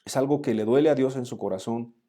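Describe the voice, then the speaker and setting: Earnest man teaching scripture, mellow tone. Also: medium pitch, fast. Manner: earnest, addresses listener directly. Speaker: Bible teacher. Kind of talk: Bible study teaching.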